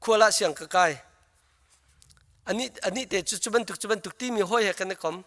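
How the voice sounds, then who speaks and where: A man's voice: sits high, quick pace, a bit bright. A man, a pastor, preaching a sermon in an earnest, storytelling way.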